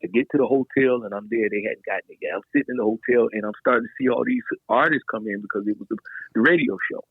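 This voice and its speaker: A middle-aged man, a guest DJ, telling a story in a loose, animated way, full of slang and fillers. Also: lowish voice, fast, husky, no echo. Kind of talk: casual storytelling in a podcast interview. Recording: dry, tinny phone-like sound.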